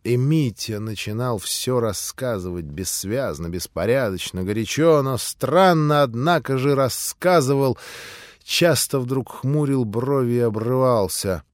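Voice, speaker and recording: A man reading a classic novel aloud as an audiobook narrator, in an expressive, theatrical manner. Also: medium pitch, unhurried, no echo, studio quality.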